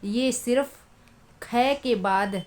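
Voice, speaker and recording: A woman teaching with a fairly high voice. She drags out each example word slowly and gives a patient explanation. She repeats herself often so that learners can follow. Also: a little mellow. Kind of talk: Urdu phonetics lesson.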